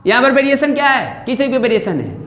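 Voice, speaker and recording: A man's voice: very high-pitched, sing-song, fast, fairly bright tone. Guy teaching maths to a class, keeps checking they follow, echoey classroom with long reverb. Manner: keeps checking if students follow, coaxing questions. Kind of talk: classroom lecture. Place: classroom with students.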